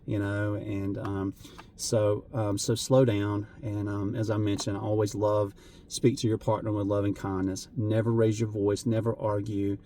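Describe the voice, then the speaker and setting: A man talking earnestly and emotionally to camera as a vlogger, halting, with many fillers and restarts. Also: on the low side, little pitch movement, dark tone, a little hiss or hum. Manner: emotional, voice wavering at times. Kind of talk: heartfelt unscripted talk to camera.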